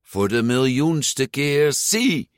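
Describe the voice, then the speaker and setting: A man's voice: mid-range voice, very animated, unhurried, no echo, studio quality, voice pushed up. Een man die een uitbundig tienermeisje voorleest in een verhalenboek. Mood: eager. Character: excitable teenage girl, bold and bossy.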